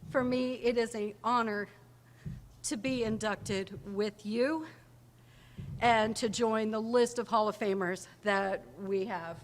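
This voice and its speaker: This woman, a hall of fame inductee, delivers an emotional acceptance speech at a podium mic, teary but trading jokes with the audience. Her voice is a little high, with fairly even intonation and a slow pace. The large banquet hall sounds reverberant, with faint ambience and a little hiss or hum.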